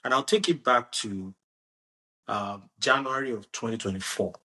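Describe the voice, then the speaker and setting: A man hosting a casual football discussion, animated and restarting his sentences often. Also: mid-range voice, moderate pace. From Nigeria. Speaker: podcast host.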